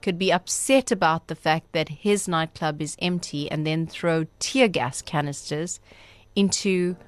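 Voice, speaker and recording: A woman with a Durban Indian South African accent speaking as a radio interview guest, earnest and measured, with formal, emphatic wording. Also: low voice, no echo. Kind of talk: radio interview, reflective storytelling.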